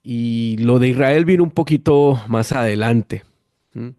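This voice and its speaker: Colombian pastor in his 50s, Bogotá accent, animated testimony, dry close sound. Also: mid-range voice, measured pace, no room sound. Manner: lively animated storytelling, acting out quoted voices. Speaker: guest pastor. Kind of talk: storytelling testimony.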